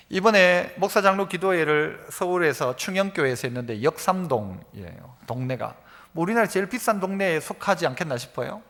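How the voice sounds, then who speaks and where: High-voiced emphatic pastor preaching. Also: male voice, pushed and bright. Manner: emphatic preaching with rhetorical questions to the congregation. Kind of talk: Sunday sermon. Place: church sanctuary. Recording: long church hall reverb.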